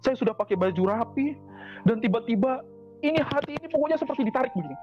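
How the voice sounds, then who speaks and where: A man with a notably high voice tells his story to a congregation, repeating key phrases with heartfelt emphasis. The recording is dull and lo-fi. Faint music runs underneath. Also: lively intonation, fast. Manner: repetitive, earnest, heartfelt phrasing. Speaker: convert giving a church testimony. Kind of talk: personal testimony to a congregation.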